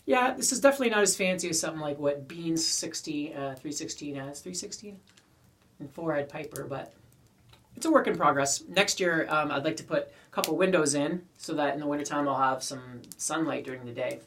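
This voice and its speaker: A pipe-smoking creator with a Canadian accent talks casually to viewers from a small garden shed, his voice fairly high, bright and a little fast. The mic sits far off and the shed's acoustics are poor.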